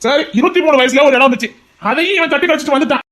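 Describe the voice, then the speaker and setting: An actor playing a stern middle-aged father who scolds his son about marriage in a fast, insistent voice. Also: extremely high pitch, a bit bright. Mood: exasperated. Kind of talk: amateur audio drama.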